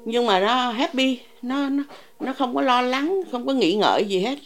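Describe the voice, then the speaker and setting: A woman's voice: a little high, normal speed. A woman in her sixties from Vietnam, recalling her past in hesitant speech full of fillers. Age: 60s. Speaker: interviewee. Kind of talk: personal recollection.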